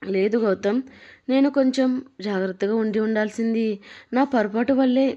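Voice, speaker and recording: A woman's voice: fairly high pitch, normal speed, warm tone, natural voice. A woman voicing a young wife who cries and pleads, blaming herself for everything. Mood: tearful. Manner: pleading, self-reproaching. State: crying. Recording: dull lo-fi recording.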